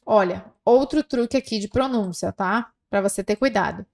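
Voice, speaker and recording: A woman teaching Spanish pronunciation, slow and patient, repeating words for learners to echo. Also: medium pitch, creaky, a little mellow. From South America. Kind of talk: language lesson with pronunciation drills.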